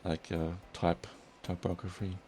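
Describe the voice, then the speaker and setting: Deep-voiced male chat host. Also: measured pace, soft background music. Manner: relaxed, rambling with restarts. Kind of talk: casual chat.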